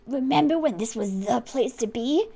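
A woman's voice: a little high, lively intonation, moderate pace, gravelly, dark tone. A woman voicing a bored young boy in a game who complains in a whiny way.

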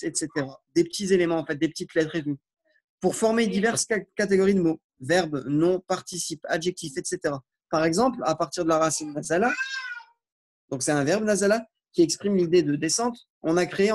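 A man giving an online Arabic lesson in French, reading phrases aloud slowly and then explaining them informally. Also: on the high side, darkish tone. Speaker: Arabic teacher.

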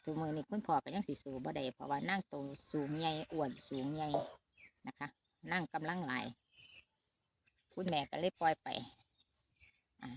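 A middle-aged Isan Thai mother from Northeast Thailand vlogs a family update on a handheld phone outdoors at a shaded farm, chatting straight to viewers with lots of fillers. Her voice is low and creaky at a moderate pace, with long pauses and a faint hiss or hum.

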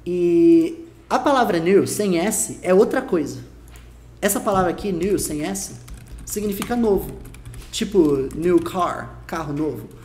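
A man's voice: high-pitched, lively intonation, a little mellow, reverberant, a little hiss or hum. A Brazilian man with a Brazilian Portuguese accent, giving an online English lesson and patiently repeating each example. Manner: explains patiently, repeats each example, says English phrases slowly and carefully. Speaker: English teacher.

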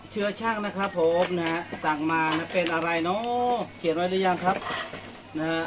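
A man's voice: sits high, fairly even intonation, moderate pace, noisy background. A man, chatting casually while packing orders in front of a coffee shop, tacking polite particles onto every phrase. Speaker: vlogger packing orders for fans. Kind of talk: casual live vlog narration.

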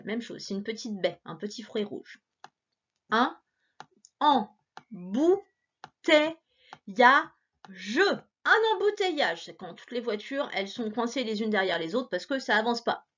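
A woman teacher giving a recorded reading lesson to a child, encouraging and playful, stretching out words slowly. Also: medium pitch, muffled recording. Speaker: primary school teacher.

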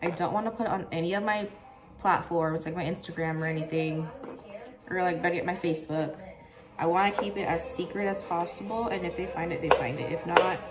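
A woman in her late twenties chats straight into her phone as she preps food at a small kitchen counter. She is blunt and casual and swears often. Music plays clearly under her voice. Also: fairly low pitch, steady tone, fairly quick. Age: late 20s. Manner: blunt, profane, chatty. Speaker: vlogger. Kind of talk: casual vlog chat. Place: small apartment kitchen, indoors.

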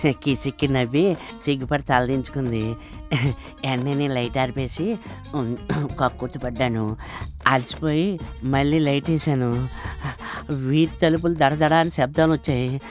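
A man's voice: mid-range voice, natural voice. An actor playing a henpecked clerk who tells the rueful story of his forced marriage in a comedy film. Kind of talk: comic film acting.

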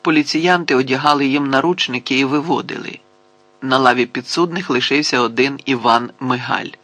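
A man narrating an audiobook in an expressive storytelling manner. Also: medium pitch, a little fast, no room sound.

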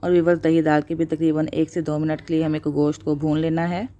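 Low-pitched woman, calm step-by-step recipe voice-over for her own channel. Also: fairly quick, dull audio. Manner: steady instructional narration with religious blessings. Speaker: cooking channel host. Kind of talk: voice-over cooking tutorial.

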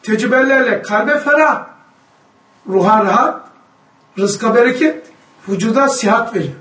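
High-voiced man teaching in an echoey room. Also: expressive, unhurried. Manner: emphatic, sometimes raises his voice to a shout. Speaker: religious study teacher. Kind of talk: religious study lesson, reading aloud and commenting. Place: indoor room with a group of students. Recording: echoey room, mic far off.

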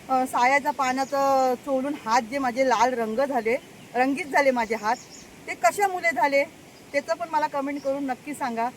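A woman's voice: high voice, slight background noise, low-quality recording. An older woman chatting casually to her viewers outdoors on a farm, talking to them often and laughing now and then. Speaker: farm vlogger. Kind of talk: casual vlog chat. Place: outdoors on a rural farm path.

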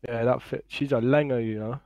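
A man's voice: medium pitch, steady tone, a little fast, a little mellow, dry recording. A British man playing a hostage in a casual game role-play, chatting in laid-back slang.

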